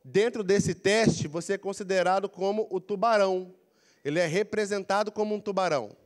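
Lively high-voiced Brazilian coaching lecturer. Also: male voice, moderate pace. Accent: Brazilian Portuguese. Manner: animated, prompts audience to repeat phrases. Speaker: career coaching speaker. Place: large council auditorium. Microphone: handheld mic, walking the floor.

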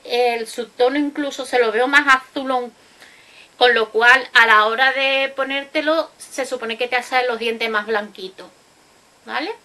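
Woman beauty vlogger, unhurried and chatty, with a bright, clear voice. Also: high voice. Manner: chatty, explains with frequent tag questions. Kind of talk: casual makeup swatch review. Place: indoors at home, recorded late at night.

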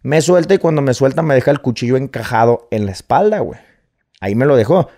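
A man's voice: mid-range voice, animated, quick pace, warm tone. A man with a Mexican accent, a guest telling a personal story casually, swearing freely and peppering every phrase with slang.

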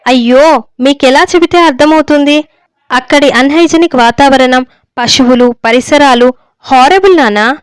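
A woman's voice: high voice, moderate pace, dry recording, studio quality, lightly acted. Woman doing a curt, dismissive grown son. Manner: impatient, brushing off.

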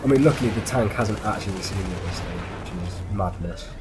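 A man's voice: on the low side, fast talker, very noisy. A young man casually commentating on his own shooter gameplay, easygoing and self-deprecating. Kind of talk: casual banter over gameplay footage.

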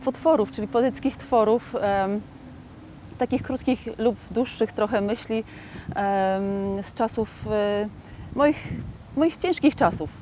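A woman in her thirties talking reflectively about personal experience, in a halting, hesitant way. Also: medium pitch, warm tone, slight background noise, low-quality recording. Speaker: debut poet and author. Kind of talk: personal reflective interview talk.

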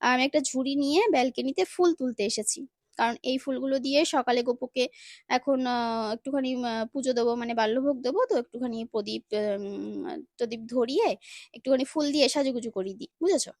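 A woman with a high voice narrates her home routine in a relaxed, step-by-step vlog. She fills pauses with soft hesitations as she explains. The sound is dry and close, with no room echo. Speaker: lifestyle vlogger. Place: home balcony.

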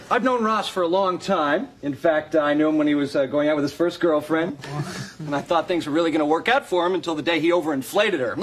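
Brief: actor as a wisecracking young best man, slightly high voice, laugh track behind. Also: normal speed, a crowd in the background, noisy background, lightly acted. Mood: eager. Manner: jokey, pleading for laughs. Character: nervous joking young man giving toast. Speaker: best man giving a toast. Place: restaurant dining room, sitcom set.

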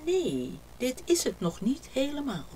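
A woman voicing a thoughtful male illustrator, the father, who muses slowly and hesitantly in a storybook reading. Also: sits high, wildly swooping pitch, dark tone, a little hiss or hum, voice pushed up, full character voice. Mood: doubtful.

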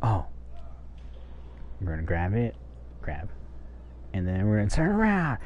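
A man's voice: fairly low pitch, huge pitch swings, a little slow, darkish tone, dull audio, a little hiss or hum. A man giving casual, muttered and sweary commentary while streaming a game playthrough. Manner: profane, muttering reactions. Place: indoor room, streaming webcam. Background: game music.

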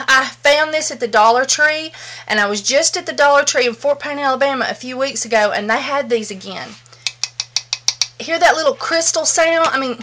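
A middle-aged woman with a Southern US accent teaches soapmaking at home, demonstrating indoors in her soap room and chatting folksily with viewers she calls "y'all." Her voice sits high, and there is noise in the background.

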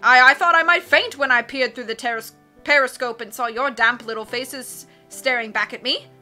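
A woman voicing a blustering, excitable male submarine captain from a storybook, roaring and constantly changing his mind. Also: sits high, soft background music. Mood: blustering, scatterbrained. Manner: roaring, self-contradicting, rapid changes of mind.

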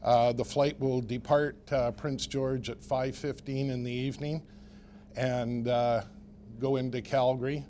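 A man, giving measured, halting interview answers as a company spokesman. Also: medium pitch, flat delivery, dark tone, slight background noise. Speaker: airline spokesman. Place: indoor press room.

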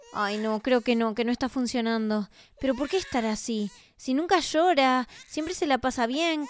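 A woman's voice: sits high, clean tone. A woman with an Argentine accent narrating a game role-play and speaking in a tender, soothing, motherly way. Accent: Argentine Spanish.

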